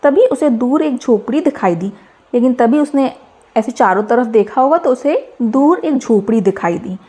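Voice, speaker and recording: A woman's voice: a little high, lively intonation, moderate pace, mellow. A woman teacher reading a children's story aloud and retelling each line in simpler words, checking in with questions.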